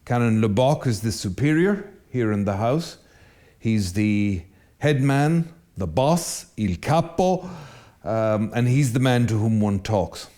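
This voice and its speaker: A man, a priest hosting an interview, speaking in measured, formal phrases. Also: fairly low pitch, expressive, dark tone. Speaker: host, priest. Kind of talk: interview host.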